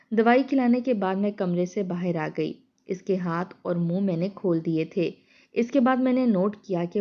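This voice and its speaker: A woman narrating a dramatic first-person story in a steady storytelling voice. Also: mid-range voice. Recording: dull lo-fi sound.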